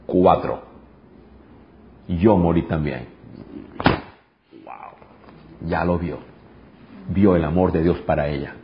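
A man's voice: low-pitched, slow, pauses often, noisy background. A male pastor preaching a sermon emphatically, repeating phrases and throwing rhetorical questions at the congregation. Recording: dull lo-fi recording.

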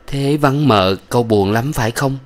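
A man's voice: mid-range voice, normal speed, voice pushed up, lightly acted. A man voicing a grieving young mother speaking hesitantly in a storybook reading. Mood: subdued.

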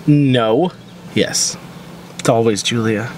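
A man's voice: medium pitch, slow, a little mellow, a little hiss or hum, lightly acted. A man playing a drunk, heartbroken detective. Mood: drunk weepy. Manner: rambling, crude and self-pitying, swearing often. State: drunk and weepy. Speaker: comedy web host playing a detective. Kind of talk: improvised comedy monologue. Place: parked car.

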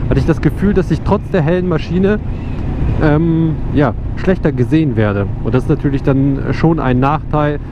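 A young man chatting casually and reflectively as a motovlogger while riding, in informal speech. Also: a little high. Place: outdoors on a motorcycle on open roads. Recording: muffled helmet recording with loud engine noise. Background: engine, wind and road noise.

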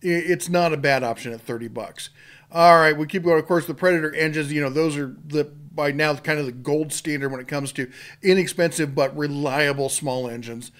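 A man's voice: on the high side, moderate pace, fairly bright tone. A middle-aged man hosting a tool channel, rambling through sale items in a folksy, casual way with lots of fillers and restarts. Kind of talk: casual product rundown.

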